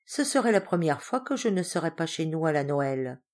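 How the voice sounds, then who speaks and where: A woman voicing a meek young country servant girl who speaks quietly, almost murmuring. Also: low voice, sing-song, normal speed.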